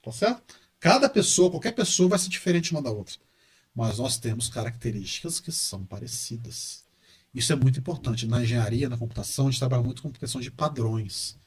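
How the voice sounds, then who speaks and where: A middle-aged man with a Brazilian Portuguese accent, a university professor and engineer who is a guest on a casual podcast interview. He talks in an animated way and repeats words for emphasis. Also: mid-range voice, brisk.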